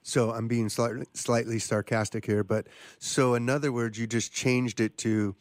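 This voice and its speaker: A man's voice: medium pitch, fairly even intonation, normal speed, dry recording. A man hosting an interview, talking in a loose, chatty way with joking asides. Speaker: podcast host, interviewer. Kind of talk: casual interview talk.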